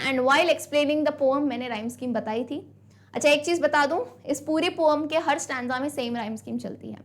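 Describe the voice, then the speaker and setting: A young woman with a high voice teaches an online exam-prep lesson. She talks briskly and encouragingly, mixing Hindi and English, and slows right down to read English lines aloud. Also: fairly bright tone. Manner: brisk, encouraging, calls students "beta"; switches between Hindi and English, reads English lines slowly.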